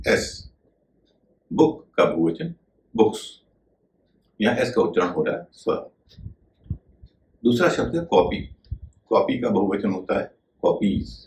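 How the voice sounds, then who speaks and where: Low-voiced man teaching pronunciation, echoey room. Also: a little hiss or hum. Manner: measured, spells words out letter by letter. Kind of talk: explanatory video lesson.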